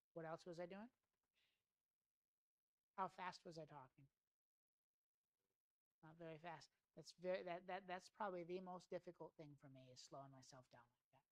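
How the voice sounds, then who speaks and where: A man's voice: on the high side, fairly bright tone, dry recording. A man giving an in-house sales training talk in a folksy, conversational way, often quizzing his audience with questions. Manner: folksy, repeats words when restarting.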